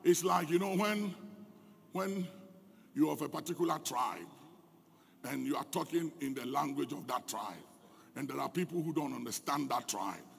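A Ghanaian man preaching a fervent sermon as pastor, his delivery swelling into shouts, in an echoey church hall. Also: fairly high pitch, animated, moderate pace, creaky, pauses often, slight background noise.

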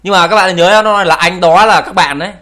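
A man's voice: high voice, brisk, sharp tone. A young man casually commenting on video clips, teasing and joking, laughing often and swearing in English. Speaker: YouTuber reacting to videos.

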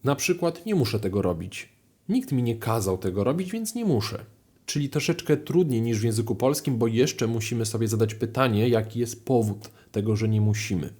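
A man teaching French grammar in a video lesson, explaining clearly with lively rises in his voice. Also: mid-range voice, moderate pace. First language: Polish. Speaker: language teacher.

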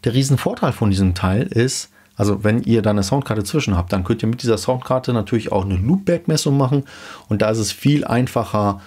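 A man in his thirties explaining gear in a casual home-studio vlog, relaxed with many fillers, into a dynamic studio mic. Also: fairly low pitch, fairly quick, breathy edge. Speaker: YouTube host explaining car audio gear. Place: small home studio room indoors. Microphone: dynamic studio mic in front of him.

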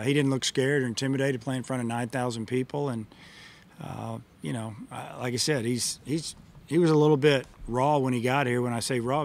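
A middle-aged man, a baseball coach, answering reporters after a game in a plain, matter-of-fact way with many fillers, into a table microphone in a press room. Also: medium pitch. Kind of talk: postgame press conference answers. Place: press room in front of a sponsor backdrop. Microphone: table mic in front of him.

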